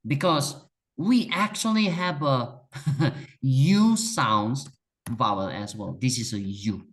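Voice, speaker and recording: A patient, encouraging native Korean speaker with a Korean accent gives a beginner a one-on-one language lesson, repeating words to stress them. Their medium-pitched voice is slow, lively in intonation, and fairly bright.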